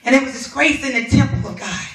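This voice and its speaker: A woman minister preaching a sermon in a church, animated and colloquial, laughing as she talks and trading call-and-response with the congregation. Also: sits high, fast talker. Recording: echoey room from far off.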